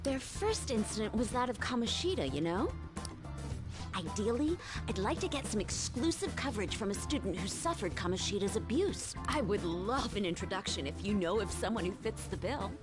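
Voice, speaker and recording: Woman voicing a flirty tipsy journalist, video game, very lively intonation, shrewd, casual, coaxing. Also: medium pitch, normal speed, natural voice. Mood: coaxing, businesslike. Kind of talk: video game dialogue acting. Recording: background music under dialogue.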